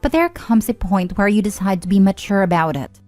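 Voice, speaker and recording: A woman narrating online forum stories and adding her own comments, reading expressively with frequent lifts in pitch. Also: a little fast, a little mellow, soft background music. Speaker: story narrator.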